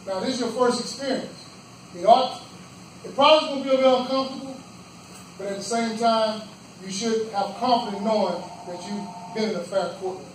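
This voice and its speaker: A high-pitched man gives a campaign speech in short, earnest phrases. He is picked up from far off in a very echoey roadhouse room, with a faint hum of background noise. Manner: earnest, plain-spoken, pauses in short phrases. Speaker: judicial candidate giving a campaign speech.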